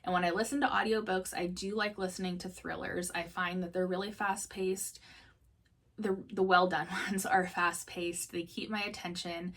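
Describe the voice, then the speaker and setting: A woman's voice: fairly low pitch, steady tone, moderate pace, fairly bright tone, a little hiss or hum. Chatty young woman, slightly distant mic. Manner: chatty, laughs often, acts out her own thoughts. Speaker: book vlogger. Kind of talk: casual chat to camera.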